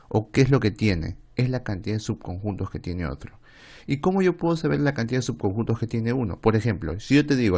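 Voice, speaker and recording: Speaking with a Peruvian Spanish accent, a man with a lowish, slightly mellow voice tutors math online. He explains step by step, often checks in with "¿está bien?", and voices students' questions himself.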